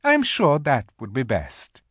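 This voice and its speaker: A reader voicing an imperious, scheming witch queen from a children's storybook, sweet-talking in grand, drawn-out phrases. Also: mid-range voice, huge pitch swings, fairly bright tone, husky, dry recording, studio quality, pitched above the performer's own voice, heavily acted. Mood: conspiratorial, coaxing.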